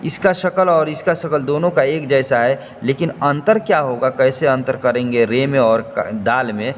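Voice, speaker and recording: A man teaches Urdu script in a slow, patient lesson, going over each rule more than once. His voice sits at a middle pitch. The recording has a long hall reverb and a faint hiss behind it. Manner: patient, repeats each point slowly.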